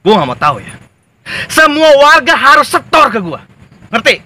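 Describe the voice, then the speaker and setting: Man playing a bullying thug, Sundanese accent, very high bright voice, outdoor noise. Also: big pitch swings, normal speed, exaggerated voice. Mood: menacing. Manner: shouting, barking orders. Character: bossy bullying male thug gang member. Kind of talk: comedy short film acting.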